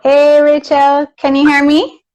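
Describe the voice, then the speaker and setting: A woman with a Jamaican accent hosting a casual live video chat, friendly and quick to laugh. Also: high voice, monotone, darkish tone, poor audio. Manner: friendly, laughs easily, slow and deliberate. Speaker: host. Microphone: video call.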